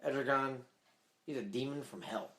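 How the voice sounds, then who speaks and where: A man with a mid-pitched voice co-hosting a casual podcast, laid-back and quick to laugh, dropping casual swears. His voice sounds in an echoey room. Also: fairly bright tone. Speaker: podcast co-host.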